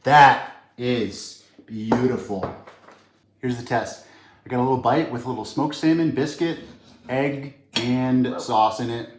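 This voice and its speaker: A man's voice: medium pitch, a little slow, echoey room. A man hosting a casual cooking tutorial, chatty and enthusiastic, often restarting his sentences. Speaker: cooking channel host.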